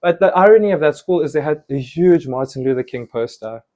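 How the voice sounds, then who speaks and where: A young South African man, a guest in a casual storytelling interview, speaks a little fast at a fairly high pitch. He's animated and acts out what other people said in short quoted lines. The audio is dull.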